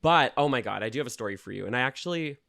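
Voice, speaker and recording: A man's voice: medium pitch, animated, very fast, gravelly, fairly bright tone, dry recording, clean studio sound. A man co-hosting a podcast, chatting casually and telling stories from his week. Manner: chatty storyteller. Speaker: podcast co-host. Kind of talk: casual chat. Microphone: home computer recording setup.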